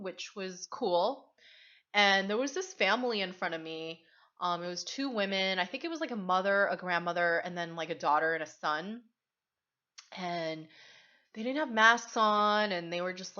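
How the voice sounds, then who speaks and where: A woman's voice: on the low side, sharp tone, dull audio. A woman vlogger chatting casually to camera, rambling and full of fillers.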